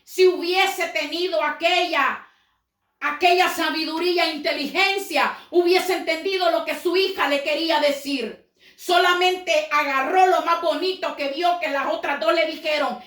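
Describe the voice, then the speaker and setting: A woman preacher telling a parable as a sermon, slowing down for dramatic moments and acting out the quotes. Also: high voice, a bit bright, roomy sound. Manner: storytelling with dramatic slowdowns and acted quotes.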